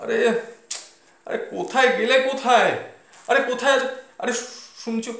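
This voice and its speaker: An actor playing a flustered, penny-pinching office-going husband in a comedy sketch, calling out frantically and complaining indignantly. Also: male voice, very high voice, moderate pace, creaky, a bit bright, exaggerated voice. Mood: frantic. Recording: echoey room.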